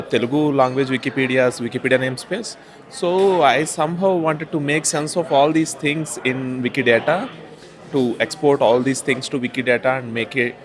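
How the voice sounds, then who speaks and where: A man from southern India, introducing himself at a meeting with many hesitant fillers. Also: mid-range voice. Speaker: workshop participant.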